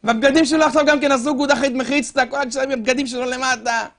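A man preaching a sermon as a dramatic story, asking the crowd rhetorical questions and swinging from loud calls to hushed tones. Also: very high voice, fairly even intonation.

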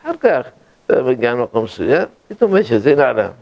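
A man giving a religious lecture full of stories, repeating words for emphasis with animated bursts. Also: mid-range voice, gravelly. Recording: dull lo-fi recording.

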